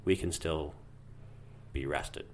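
A man in his thirties co-hosting a casual podcast from home, talking in a relaxed, rambling way with fillers. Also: rumbling low, slow, a little hiss or hum. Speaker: podcast co-host. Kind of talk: casual chat.

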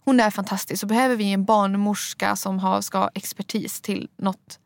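A woman's voice: mid-range voice, fairly even intonation, creaky. A young woman from Sweden co-hosting a podcast, talking in an earnest, emphatic, chatty way. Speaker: podcast co-host. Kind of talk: casual chat.

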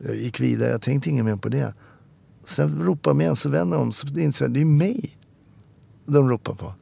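Gravelly-voiced man. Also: medium pitch, warm tone. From Stockholm, Sweden. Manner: reflective storyteller, frequent hesitations. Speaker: guest, former police officer. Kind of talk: candid interview conversation.

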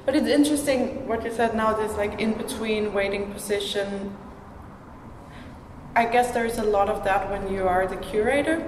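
A woman's voice: mid-range voice, normal speed, noisy background. A woman from Denmark hosting a podcast interview, talking casually in a chatty way with many "like" fillers inside a gallery exhibition room. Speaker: podcast host. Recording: echoey gallery room with long reverb.

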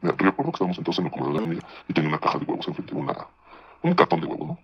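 A man with a Mexican accent rattles through a personal story at a breakless clip, his voice very low and husky. The sound is dull and lo-fi. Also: sing-song. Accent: Mexican Spanish. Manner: rapid, conversational, slips into voices for quoted people. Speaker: guest telling a personal story. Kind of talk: casual storytelling on a podcast.

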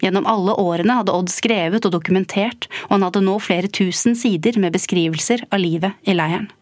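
A woman narrating a scripted history story in a calm, even way. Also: medium pitch, no room sound. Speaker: podcast narrator. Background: faint music.

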